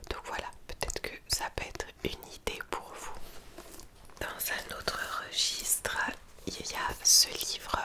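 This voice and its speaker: A woman whispering softly and breathily, as in a library, in an informal, hesitant ASMR chat presenting books. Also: takes it slowly. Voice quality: soft, breathy unvoiced whisper.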